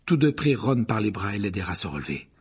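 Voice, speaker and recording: A man narrating an audiobook in an expressive, animated reading. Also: fairly low pitch, quick pace, slightly rough.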